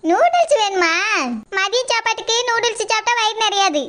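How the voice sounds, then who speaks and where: A woman's voice: very high voice, animated, fairly quick, heavy background noise. A woman voicing a scheming young daughter-in-law and mother who grumbles and mutters sarcastically in a comic skit. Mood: scolding.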